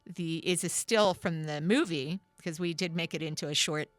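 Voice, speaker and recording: A woman's voice: low voice, moderate pace. A middle-aged woman telling long, rambling stories as a guest in a casual radio studio interview, full of fillers and restarts. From Canada. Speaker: guest musician and writer.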